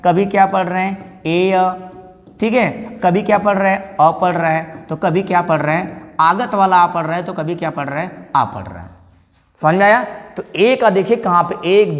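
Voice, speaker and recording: High-voiced man teaching English. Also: long reverb tail. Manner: asks the class questions and answers them, repeats words. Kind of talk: classroom lesson.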